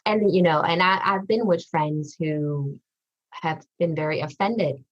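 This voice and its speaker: A woman from Vietnam, a social worker and therapist, giving thoughtful, measured answers in a podcast interview. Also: low-pitched, lo-fi sound. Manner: thoughtful, measured, with frequent ums.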